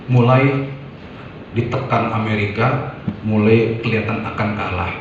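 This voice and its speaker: A man's voice: on the low side, a little slow, a little hiss or hum. Man lecturing in an echoey hall. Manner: storytelling, with sound effects and acted quotes. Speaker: preacher. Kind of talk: lecture to an audience. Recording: echoey hall, distant mic, muffled.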